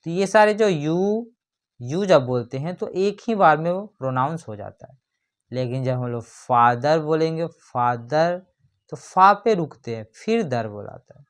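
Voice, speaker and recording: A grammar teacher giving an explanatory lesson, reading definitions slowly and then explaining them with rhetorical questions. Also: mid-range voice, lively intonation.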